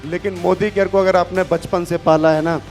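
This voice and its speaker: A middle-aged man, giving a fervent stage motivational speech that swings between quiet intimate passages and loud shouts. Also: high-pitched, level tone, moderate pace, soft background music. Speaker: motivational speaker.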